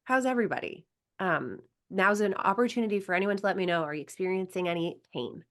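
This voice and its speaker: A woman in her thirties talks in a casual podcast conversation about coaching young athletes. Her voice sits a little low for a woman, and she keeps it lively, jumping into quick acted quotes of the people in her stories. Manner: animated storyteller, acts out quoted voices. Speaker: sports psychology coach, podcast guest.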